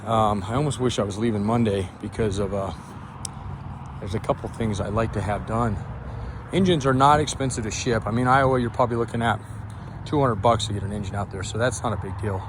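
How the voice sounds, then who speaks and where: A man's voice: on the low side, fairly quick, noisy background. A man selling used Jeep parts, talking casually in a rambling way outdoors and trailing off mid-sentence, a bit winded. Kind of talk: casual walkaround video.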